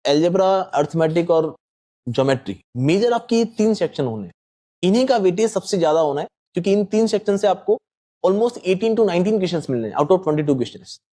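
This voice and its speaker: A man's voice: high-pitched, lively intonation, normal speed, dark tone. A man explaining maths exam strategy patiently, politely addressing the host as sir. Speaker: quant teacher. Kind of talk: explanatory panel talk.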